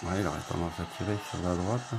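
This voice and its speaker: A man casually reviewing a budget phone at home, talking in a relaxed, rambling way with lots of fillers. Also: deep voice, fast, noisy background. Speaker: tech reviewer.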